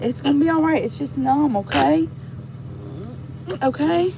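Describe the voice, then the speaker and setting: A woman's voice: high-pitched, measured pace, vocal fry. A woman with a Southern US accent talking casually, comforting and reassuring someone. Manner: soothing, reassuring. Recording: muffled, noisy phone video in a vehicle.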